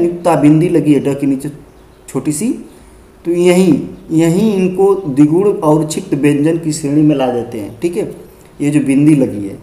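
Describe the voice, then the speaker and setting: A man's voice: fairly high pitch, warm tone, reverberant. A male schoolteacher giving a grammar lesson, patiently repeating words and checking in with the class. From Uttar Pradesh, India. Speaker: school teacher.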